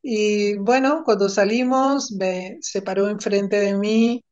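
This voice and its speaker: A woman recounts her personal testimony in a lively, storytelling way, circling back on phrases to drive them home. Her pitch sits in an ordinary middle range. The recording is a little dull and lo-fi. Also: takes it slowly. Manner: animated storytelling with emphatic repetition. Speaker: guest giving a testimony.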